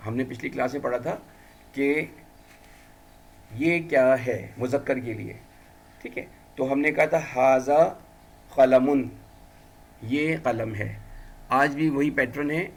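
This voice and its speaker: A man teaching a language lesson, drilling words slowly and deliberately with frequent fillers. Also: medium pitch, a little hiss or hum. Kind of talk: classroom lesson.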